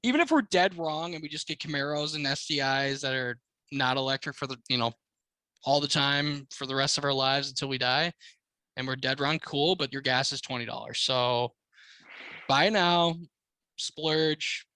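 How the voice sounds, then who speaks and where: A man's voice: medium pitch, normal speed, pushed and bright, clean tone, no room sound, poor audio. An American man co-hosting a casual podcast, talking like a slangy, swearing frat bro. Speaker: car podcast co-host.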